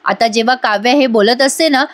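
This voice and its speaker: High-voiced woman recapping a serial. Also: fairly quick, a bit bright. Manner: plain storytelling with "आता" links. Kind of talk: voice-over episode recap.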